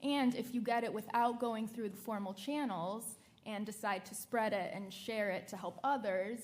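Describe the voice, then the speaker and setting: A woman on a panel at a law school event, explaining her points in a measured way with a few fillers. Her voice sits at a middle pitch. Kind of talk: panel discussion.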